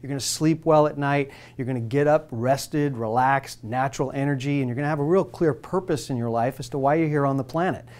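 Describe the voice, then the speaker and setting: A man in his forties presents a persuasive scripted pitch on hormone therapy to camera, putting direct questions to the viewer. His medium-pitched, darkish voice moves briskly with few pauses, captured on a lapel mic in a studio with a plain light backdrop.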